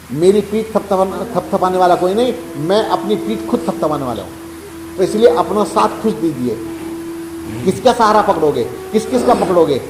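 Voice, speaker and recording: A man's voice: sits high, noisy background. A man giving health and meditation advice in a preachy way, repeating phrases and asking rhetorical questions. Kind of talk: advice talk to a listener. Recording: roomy echo, long reverb, faint music.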